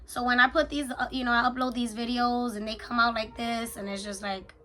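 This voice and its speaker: A woman's voice: fairly high pitch, little pitch movement, brisk, bright, forceful tone. A woman talking candidly in a confessional vlog, with a raw, unfiltered, sweary and slangy way of speaking. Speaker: vlogger, spiritual journaler.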